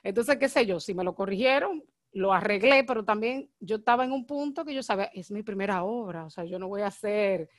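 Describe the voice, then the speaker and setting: A married woman, hosting a casual podcast chat and talking very fast and excitably. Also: mid-range voice, no echo, clean studio sound. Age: adult, married. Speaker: podcast host.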